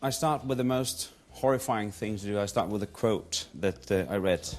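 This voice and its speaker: Fairly low-voiced man, teasing talk show host. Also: moderate pace, a little mellow.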